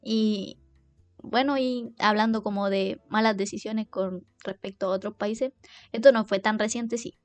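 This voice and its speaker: A woman's voice: mid-range voice, steady tone, no echo, soft background music. A young woman with a Chilean accent telling funny stories about herself in a casual, slang-heavy monologue. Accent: Chilean Spanish. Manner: chatty, self-mocking, heavy slang, quick laughs. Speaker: podcast host.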